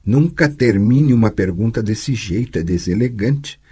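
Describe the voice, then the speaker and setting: A man voicing a patient, teasing sorceress who tutors a girl, speaking calmly and gently chiding in an audiobook. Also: fairly low pitch, unhurried, slightly rough. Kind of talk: audiobook character voice.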